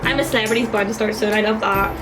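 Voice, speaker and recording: A woman of twenty with a Northern Irish accent, chatting casually and giggling on a vlog from a student flat. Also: mid-range voice, fast, rough recording. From Northern Ireland, County Antrim. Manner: chatty, giggly, lots of fillers. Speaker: vlogger, student. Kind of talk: casual chat. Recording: music playing behind.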